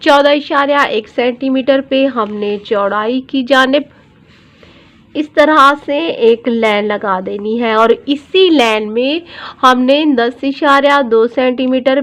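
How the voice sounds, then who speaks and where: A woman dress designer giving a patient step-by-step sewing tutorial, repeating each measurement and often checking in with her viewers. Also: high voice. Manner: often checks in with "theek hai". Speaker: dress designer teaching pattern drafting.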